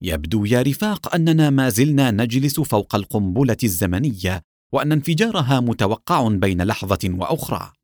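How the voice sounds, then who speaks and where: A man reading the lines of a calm, resolute male captain, firm and measured. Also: mid-range voice, no room sound, studio quality.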